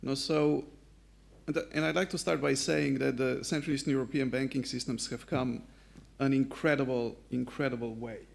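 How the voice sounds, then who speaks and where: A man's voice: medium pitch, steady tone, normal speed, creaky. A man from Slovenia speaking as a panelist at a conference, laying out his points in an assertive, structured way.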